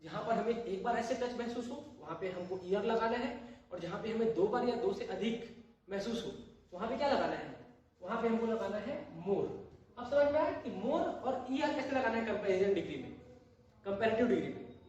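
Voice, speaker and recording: A male teacher walks through a grammar lesson, sounding out words slowly and repeating them. He keeps asking his listeners questions and then answers them himself. His voice comes from some distance in a hard, very echoey room. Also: high voice, lively intonation, darkish tone, lo-fi sound. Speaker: English teacher. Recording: very echoey room, voice far from the mic.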